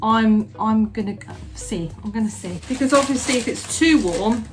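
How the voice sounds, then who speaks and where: Music plays in the background as the host's mother, a middle-aged woman, talks casually while baking at home. Her voice sits on the high side at a normal speed, and she wanders through her thoughts with frequent restarts and "you know"s.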